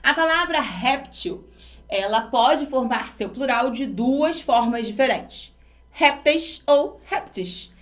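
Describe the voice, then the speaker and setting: A woman's voice: on the high side, lively intonation, takes it slowly. A woman from Brazil teaching an exam-prep grammar lesson, explaining step by step and asking her students rhetorical questions.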